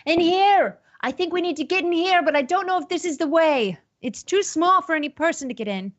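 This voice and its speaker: A woman's voice: high-pitched, sing-song, a little slow, sharp tone, highs cut off, voice pushed up, full character voice. A woman voicing a cheerful man in a tabletop horror game who is oddly unbothered by death. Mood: urgent.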